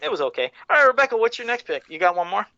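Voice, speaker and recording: A man's voice: sits high, animated, very fast, creaky, sharp tone, a little hiss or hum. A man hosting a podcast, steering the talk in a blunt, self-deprecating way and swearing often. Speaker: podcast host. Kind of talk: casual chat. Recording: dry, dull lo-fi sound.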